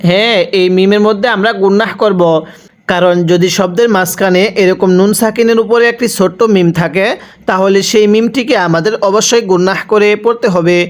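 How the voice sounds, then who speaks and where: A man with a Bangladeshi Bengali accent, teaching Quran reading by spelling out letters and reciting drawn-out words for learners to repeat. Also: sits high, fairly even intonation.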